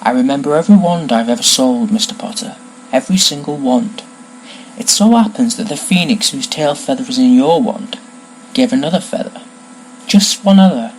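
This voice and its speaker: A man voicing an intense, eerie old male wandmaker in a storybook reading, with a soft, hushed, lilting voice. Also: fairly high pitch, lively intonation, normal speed, slight background noise, lightly acted, poor audio. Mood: ominous.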